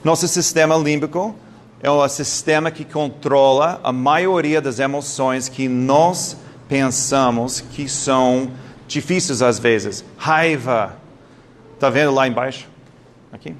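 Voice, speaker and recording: Slowly and in a medium-pitched voice, a man addresses a live audience with lively storytelling and questions aimed at the crowd. Now and then he makes non-native slips. A slight hiss or hum sits under the recording.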